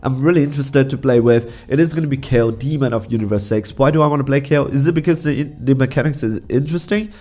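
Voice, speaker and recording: A man talks casually about a card game deck, his voice nasal and stuffy from a cold. His voice sits at an ordinary middle pitch and strains a little from coughing. He stammers and restarts as he chats. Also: quick pace, hardly any pauses, warm tone. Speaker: card game channel host.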